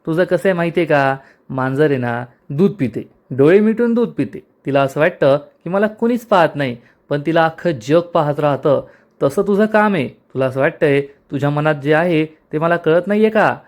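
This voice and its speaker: A man's voice: fairly high pitch, normal speed, close to an everyday voice. A man reading the lines of a bossy, scornful older woman in a TV serial recap, in a raised, scolding voice. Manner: scolding, taunting.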